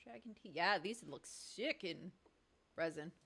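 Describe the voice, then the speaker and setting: A woman chatting excitedly on a casual livestream, thinking aloud in slangy, chatty bursts. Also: on the low side, a little slow, vocal fry, husky.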